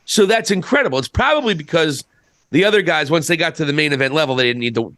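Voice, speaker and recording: A man with a slightly high voice talks wrestling casually as a podcast co-host. He is opinionated and blunt, leaning hard on his points. The sound is dry and close. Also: animated, quick pace, fairly bright tone, no room sound.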